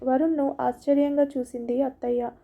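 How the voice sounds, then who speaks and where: A woman narrating a scripted family story in a steady, plain reading voice. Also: sits high, moderate pace, creaky.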